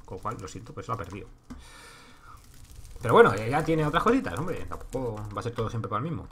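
Lively swearing Spanish gamer man. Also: fairly low pitch, fast. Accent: Spain. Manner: talks to himself and chat, swears freely. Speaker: livestreaming gamer. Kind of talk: casual live gameplay commentary. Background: keyboard typing and clicks.

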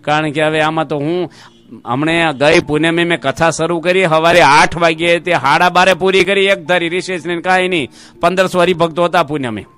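A monk gives a religious sermon to a seated gathering, telling anecdotes and briefly acting out the people in them. His fairly high, fairly bright voice is clean, with fairly even intonation and a moderate pace.

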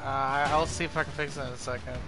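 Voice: mid-range voice, fairly even intonation, fast talker, over loud music. A stoned, lazy, slightly spaced-out streamer chatting casually while playing a video game.

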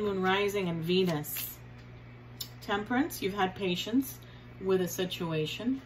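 A woman tarot reader talks her viewers through a card spread at a slow, unhurried pace, using pet names and repeating herself as she turns each card. Her voice sits in a middle pitch, with a faint hiss of noise under the recording. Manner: chatty, affectionate, repeats signs and card names. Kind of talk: casual tarot reading to viewers.

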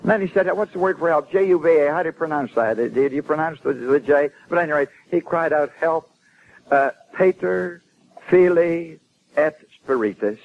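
A man's voice: on the high side, fast talker, hardly any pauses, highs cut off. A man giving an informal sermon to a congregation, emphatic, with frequent stammered restarts and rising swells of emphasis. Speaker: preacher and former Bible translator.

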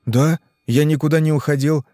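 A man's voice: on the high side, steady tone, moderate pace, mellow, no echo, studio quality, voice pushed up, close to an everyday voice. A man voicing an anxious middle-aged businessman and father in an audiobook, flustered and hesitant. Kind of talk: audiobook reading.

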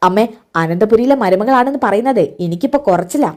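A woman voicing a sharp-tongued young woman who coldly rejects her own child, snapping scornful retorts. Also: mid-range voice, animated, fast talker, lightly acted. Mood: puzzled.

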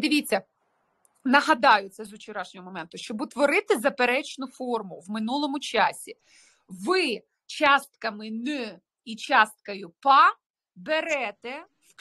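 Russian-native woman, French teacher on a video call, patient, keeps asking if you follow, fairly high voice. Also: pushed and bright. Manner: explains patiently, checks understanding with tag questions. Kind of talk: online language lesson.

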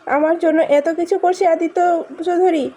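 A woman's voice: extremely high pitch, steady tone, a little fast, dark tone. A woman voicing a wounded, stubborn young wife in a spoken drama recap. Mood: hurt. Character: hurt, proud young wife.

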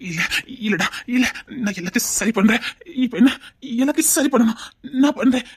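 A woman plays a desperate, tender husband in a tearful melodrama, with a Tirunelveli Tamil accent. The voice is husky and pitched high, and the words rush out in stammered, repeated reassurances. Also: lively intonation, fairly quick. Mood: pleading, desperate.

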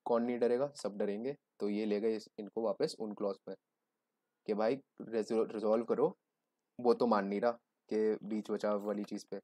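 Low, dark-voiced man teaching casually. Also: steady tone, moderate pace, no echo. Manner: joking, conversational Hinglish explaining. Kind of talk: exam-prep lecture.

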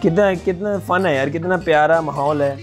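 A man's voice: a little high, very fast, soft background music. A man with an Indian accent, a native Hindi speaker, giving casual gameplay reaction commentary. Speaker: gaming streamer.

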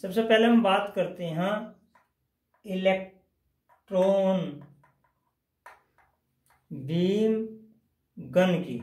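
High-voiced man teaching, echoey room. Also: extremely slow, long pauses, darkish tone. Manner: explains step by step, repeating phrases. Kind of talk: whiteboard lesson. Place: indoors at a whiteboard.

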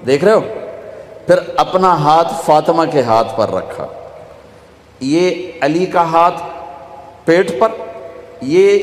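A man with a Pakistani Punjabi accent preaching a sermon, telling stories and acting out the dialogue himself. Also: fairly high pitch. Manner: storytelling, acts out dialogue, switches into Punjabi for punchlines. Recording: echoey hall, faint ambience.

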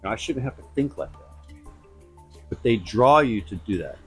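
A man's voice: medium pitch, expressive, moderate pace, fairly bright tone, husky, soft background music, low-quality recording. A middle-aged man rambling bluntly in a casual walk-and-talk vlog, recorded outdoors on a lapel mic. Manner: rambling, chatty, blunt asides. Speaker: vlogger. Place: outdoors on suburban streets. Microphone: lavalier mic.

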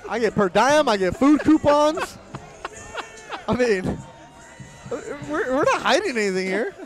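Male lead boxing commentator, very high-pitched, casual banter, light music underneath. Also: sing-song, slow pace. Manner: bantering, informal. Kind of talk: casual sports broadcast commentary. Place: outdoors at ringside.

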